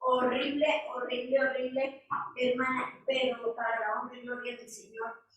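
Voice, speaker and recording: A woman's voice: high voice, little pitch movement, normal speed, a bit bright. A woman sharing a fervent personal testimony at a church women's meeting, repeating phrases and calling listeners sister. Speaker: church member giving testimony. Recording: echoey room, mic at a distance.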